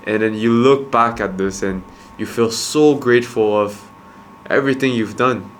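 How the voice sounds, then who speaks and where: A young adult man from Quebec, Canada, whose first language is Khmer, works as a vlogger and entrepreneur. Talking to camera in a casual, reflective monologue, he sounds earnest and halting, often restarting and repeating words as he thinks. His voice is medium-pitched, with a little hiss or hum in the audio.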